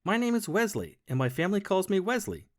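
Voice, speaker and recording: A man voices a sweet, earnest young boy bunny in a storybook reading. The voice is raised and gentle, with a lively rise and fall. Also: high voice, fairly quick, voice pushed up.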